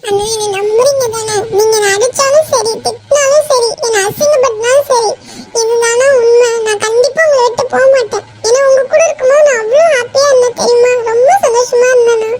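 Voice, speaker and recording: A woman's voice: quick pace, a little mellow, poor audio. A woman voicing a tearful young woman in a cartoon, pleading and sobbing as she insists on her love. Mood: earnest. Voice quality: very high shifted cartoon voice. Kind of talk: cartoon voice acting.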